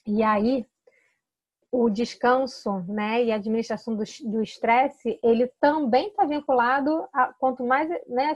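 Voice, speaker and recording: A Brazilian essential oils consultant with a slightly high voice talks informally to camera, teaching how to use products. Chatty and persuasive, she often tacks on tag questions and restarts sentences, her Brazilian Portuguese accent heard in a muffled recording without echo.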